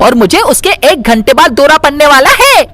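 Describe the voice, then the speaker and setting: A woman's voice: high voice, sing-song, moderate pace, a bit bright, soft background music. A woman voicing a cheeky, playful young boy in a cartoon. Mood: sly.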